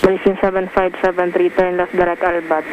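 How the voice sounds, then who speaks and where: A woman's voice: on the low side, little pitch movement, a little fast. A woman working as an air traffic controller, giving procedural instructions over a radio. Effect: air traffic radio transmission. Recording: muffled radio with loud static.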